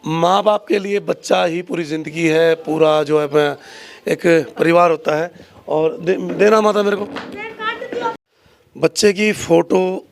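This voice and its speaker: A man's voice: a little high, unhurried, gravelly. A man reporting in the field for local news, interviewing a family and appealing earnestly to viewers.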